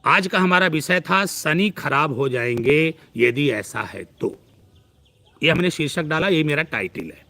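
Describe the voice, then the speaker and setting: A male astrologer speaks on a live stream, earnest and preachy. His voice sits a little high for a man. He piles up long runs of words and repeats his advice to press it home. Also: expressive, measured pace, vocal fry, sharp tone.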